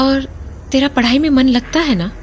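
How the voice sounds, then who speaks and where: A woman voicing a caring, worried mother in an animated story who often stammers anxiously. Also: high voice, moderate pace, a little hiss or hum, close to an everyday voice. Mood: gentle.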